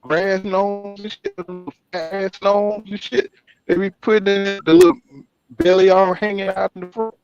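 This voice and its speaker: A man's voice: high voice, normal speed, darkish tone, clean tone, dry recording, lo-fi sound, faint music behind. A man hosting a casual online chat, speaking in laid-back slang with many fillers, his voice choppy and breaking up over a bad internet connection. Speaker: host. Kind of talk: casual live-stream chat reading comments.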